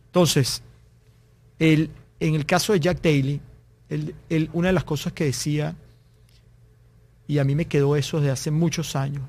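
A man with a somewhat high voice talks through business advice as an interview guest. He explains earnestly and voices short back-and-forth exchanges as examples. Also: darkish tone. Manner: explains with examples, acting out little dialogues. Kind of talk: conversational interview.

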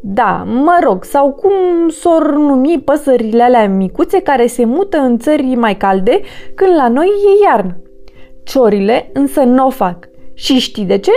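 A woman voicing a serious, proud female crow in a storybook, fussy and superior, croaking now and then. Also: sits high, big pitch swings, warm tone, faint music behind, pitched above the performer's own voice. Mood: boastful.

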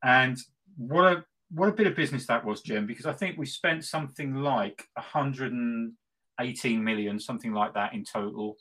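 A middle-aged West Ham fan co-hosts a football podcast, chatting casually in a gleeful, tongue-in-cheek way and repeating himself for emphasis. His medium-pitched, slightly bright voice moves at a normal speed on a rough recording.

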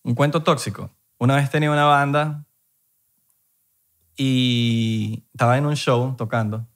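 Young man, Venezuelan accent, mid-pitched voice, blunt opinions, slangy casual podcast chat. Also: fairly even intonation, unhurried. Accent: Venezuelan Spanish.

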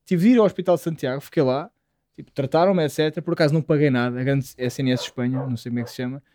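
A man's voice: medium pitch, fairly even intonation, rapid-fire, warm tone. A young man telling rambling, slangy, self-deprecating stories casually among friends. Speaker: podcast co-host.

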